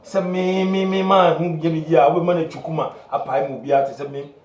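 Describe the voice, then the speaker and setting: A man's voice: fairly high pitch, fairly even intonation, quick pace, a little mellow, dull audio, close to an everyday voice. An actor with a Ghanaian accent playing a young man who argues and reasons with a demanding woman. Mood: defensive. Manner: reasoning, defensive, mixing in English. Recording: echoey, distant mic, noisy background.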